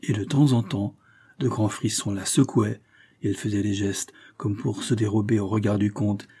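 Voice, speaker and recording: A man reads a classic novel aloud with steady, theatrical delivery. His voice sits low and dark, with a husky edge. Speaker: audiobook narrator. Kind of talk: scripted narration.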